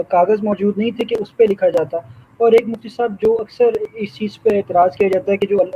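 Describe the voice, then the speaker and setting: High male caller, hesitant and halting, voice breaking up over a muffled call line. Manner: hesitant, halting, many drawn-out fillers. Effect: choppy, breaking call connection. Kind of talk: asking a religious question on a live stream call. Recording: dull lo-fi call line with faint noise.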